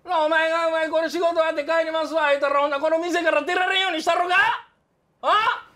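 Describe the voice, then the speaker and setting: A man with a Kansai accent playing a loud, bullying middle-aged café customer who blusters and threatens in a comedy sketch. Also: extremely high pitch, flat delivery, quick pace. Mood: threatening. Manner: blustering, threatening, keeps saying "you".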